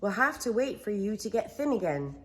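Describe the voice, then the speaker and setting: A woman's voice: medium pitch, sing-song, fairly quick, pitched above the performer's own voice, natural voice. A woman voicing a kind, encouraging young boy in a storybook, in a reassuring way.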